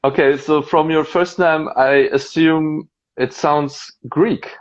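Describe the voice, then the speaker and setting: A fairly high-pitched, steady male voice speaks slowly, with the highs cut off in this phone livestream. The label host, half German and half Japanese with a German accent, conducts a casual interview, chatting, laughing a lot, and using plenty of fillers.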